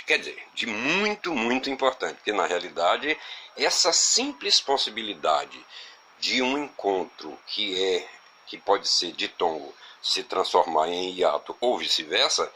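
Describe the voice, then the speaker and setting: A man's voice: on the low side, slightly rough. A man teaching a grammar video lesson from Brazil, explaining step by step and often rephrasing himself. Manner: lively, explains step by step, frequent "ou seja" and "né".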